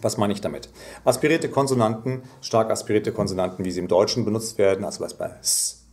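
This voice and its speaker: Male singing teacher, lower register, patient explainer who breaks into sung examples. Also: fast, darkish tone. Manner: explanatory, sings short demonstration phrases. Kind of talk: voice lesson.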